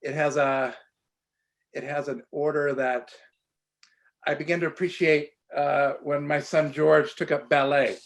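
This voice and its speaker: A man being interviewed as an author, telling animated stories and often restarting his sentences. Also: fairly high pitch. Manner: halting, many restarts and repeated words; animated storytelling. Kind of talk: conversational interview.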